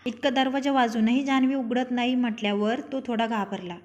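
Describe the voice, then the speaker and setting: A woman's voice: fairly high pitch, steady tone, fairly quick, muffled recording. A young woman narrating her own written love story, reading every character's lines herself.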